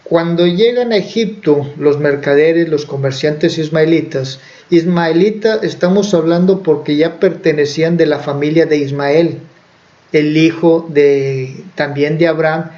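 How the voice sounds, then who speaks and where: A man preaches, retelling a Bible story conversationally with fillers and self-corrections. His voice is a little high and a little mellow, and the recording is dull and lo-fi.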